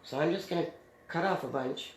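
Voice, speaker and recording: A woman's voice: sits low, fairly quick. Chatty middle-aged woman crafting in echoey room. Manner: chatty, laughs easily, many fillers. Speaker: DIY crafts host. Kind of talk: casual storytelling while crafting. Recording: roomy echo with faint noise.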